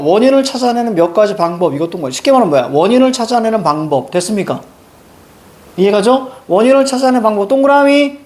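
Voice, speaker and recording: A man's voice: sits high, darkish tone. A man lecturing to a class, drilling students with rhetorical questions and short, emphatic commands. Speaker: Korean reading teacher. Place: classroom with a blackboard.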